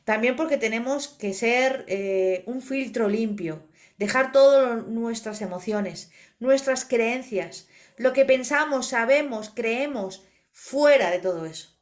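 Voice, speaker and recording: Una mujer con acento de España habla en un pódcast con un tono un poco alto. Narra con energía y se mete en sus anécdotas. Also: female voice, fairly high pitch, slow pace. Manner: animated storyteller, acts out quoted voices. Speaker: podcast co-host, animal communicator. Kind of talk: casual podcast conversation.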